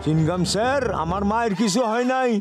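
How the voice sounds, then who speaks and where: A jittery cartoon know-it-all in a very high voice with an eastern Bengali accent. He explains things in a folksy, alarmed way over background music. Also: animated, fairly quick. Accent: eastern Bengali dialect. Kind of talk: cartoon dub acting.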